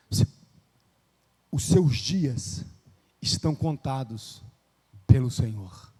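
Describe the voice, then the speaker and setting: A high-pitched Brazilian man preaching a sermon in a church hall, his voice trailing into a long reverb. He swings from hushed, confiding asides to loud shouted passages, and leads the congregation in call-and-response. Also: breathy edge. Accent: Brazilian Portuguese. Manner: call-and-response, has the congregation repeat phrases. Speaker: pastor.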